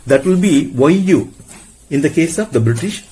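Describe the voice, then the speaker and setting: Low-voiced woman teaching pronunciation. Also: expressive, dark tone, a little hiss or hum. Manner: slow, deliberate modeling of words. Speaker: English teacher. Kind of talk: pronunciation lesson.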